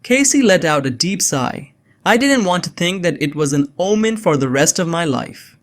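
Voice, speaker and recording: A young man in a scripted drama plays a bewildered innocent framed as an assassin, narrating his own story in first person with dialogue. His voice is fairly high and very animated, at a normal speed.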